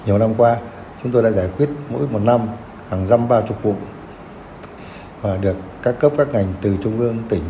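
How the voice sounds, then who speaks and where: Dark-voiced older man, slightly noisy recording. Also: on the low side, normal speed, muffled recording. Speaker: war veteran, self-management team leader.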